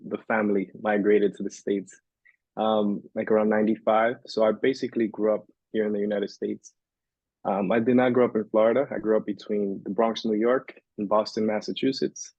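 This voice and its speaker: A man's voice: fairly low pitch, flat delivery, normal speed, a little mellow, no room sound. A man from the Dominican Republic, a guest on a podcast, talking casually and reflectively with many fillers. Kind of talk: casual interview talk. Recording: dry, dull lo-fi sound.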